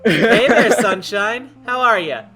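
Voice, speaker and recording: A woman's voice: medium pitch, expressive, takes it slowly. A woman voicing a chipper, folksy male vagabond cat with a jaunty manner, in an amateur cartoon dub. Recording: guitar music behind.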